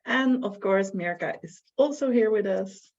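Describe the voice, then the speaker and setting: A woman's voice: medium pitch, unhurried, a little mellow. A woman advisor giving an online information presentation for prospective students, hesitant and full of fillers. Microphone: video call. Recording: muffled lo-fi video call audio.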